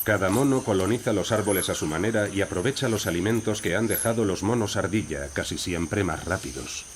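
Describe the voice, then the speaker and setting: Male narrator, low voice, scripted nature documentary delivery, clear insect and jungle ambience behind. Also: fairly quick. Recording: insect and wildlife noise behind voice. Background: rainforest ambience with crickets and insects.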